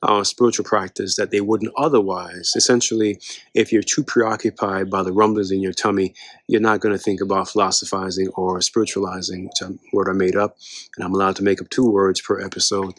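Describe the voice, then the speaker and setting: A man's voice: lowish voice, fairly bright tone, no echo. A man hosting an educational channel, explaining history in a lecture style with frequent rhetorical questions and fillers.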